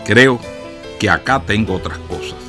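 A man's voice: fairly low pitch, normal speed, music in the background, close to an everyday voice. Man playing a pleading poor beggar.

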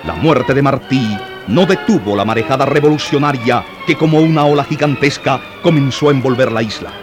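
A man narrates a historical radio drama in a solemn, dramatic manner. His voice is mid-pitched, and loud music plays beneath his words. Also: fairly quick. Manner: solemn, rising to heightened intensity in battle passages.

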